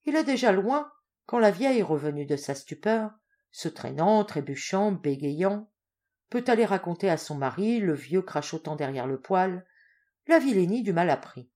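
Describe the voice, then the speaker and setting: A woman narrating a literary audiobook with an expressive, animated delivery. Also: lowish voice, normal speed. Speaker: audiobook reader.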